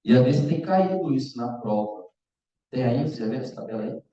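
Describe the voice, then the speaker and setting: A man's voice: medium pitch, lively intonation, brisk, dark tone. A man teaching a math lesson in a casual way, checking in with the students all the time. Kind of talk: online exam-prep lecture. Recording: echoey, distant, dull lo-fi room sound.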